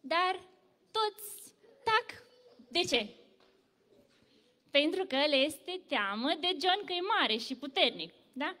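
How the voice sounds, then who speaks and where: A woman telling a story to children at church, lively and full of questions for the kids. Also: high-pitched, in a large hall. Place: church hall.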